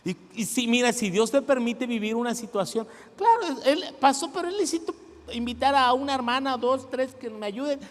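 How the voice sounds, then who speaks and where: Middle-aged Mexican pastor, high voice, animated sermon, long hall reverb. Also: male voice, normal speed. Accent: Mexican Spanish. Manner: animated preaching with acted-out quotes and call-and-response. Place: church sanctuary.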